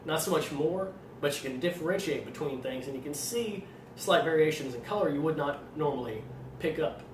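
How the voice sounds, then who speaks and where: A man with an Arkansas accent explaining things informally as a trainer, in a fairly monotone voice with a slight tendency to stutter. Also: a little high, a little fast. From Arkansas, United States. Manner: self-described monotone delivery. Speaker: fitness trainer presenting supplement advice. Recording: roomy echo, distant mic, faint noise.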